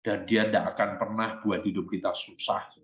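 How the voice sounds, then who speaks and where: A man preaching a sermon. He tells a personal story with animated delivery and acts out the conversation with his child. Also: lowish voice, moderate pace. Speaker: pastor. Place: church hall. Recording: echoey church hall.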